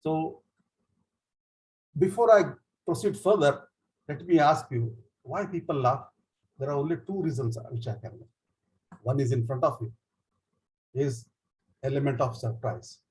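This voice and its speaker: A man with an Indian English accent leads a speech training session, explaining in a lively way with frequent fillers and retelling jokes in small acted voices. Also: medium pitch, unhurried, pauses often, rough recording. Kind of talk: online education session.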